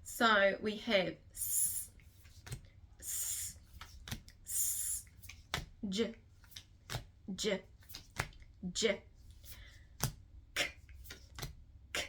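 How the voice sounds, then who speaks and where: Speaking extremely slowly with long pauses, a New Zealand-accented literacy teacher carefully sounds out each letter sound in a structured phonics tutorial. Her medium-pitched voice is steady, bright and forceful, and there is a little hiss or hum on the recording.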